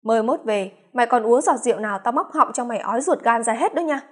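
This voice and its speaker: A woman reading the part of a wise older eldest brother, speaking slowly and in measured tones. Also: very high voice, expressive. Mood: scolding. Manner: slow, measured lecturing.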